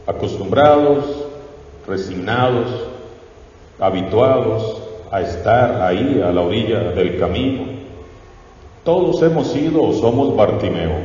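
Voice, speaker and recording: A priest preaches slowly in a low, mellow voice, exhorting and questioning his listeners. He sounds far from the mic inside a church with long, heavy echo, and the sound is dull and lo-fi. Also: a little hiss or hum. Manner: exhorting, asks the congregation questions. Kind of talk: sermon.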